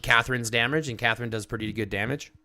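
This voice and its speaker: A man's voice: mid-range voice, fast talker, pushed and bright, no room sound. A man hosting a livestream, coaching a player on game stats in an emphatic, profane, step-by-step way. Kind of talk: casual livestream chat.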